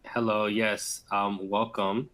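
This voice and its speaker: A man co-presenting a webinar in a flat, monotone delivery, pausing often with "um" and "uh.". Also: lowish voice. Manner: self-described monotone, hesitant with many fillers.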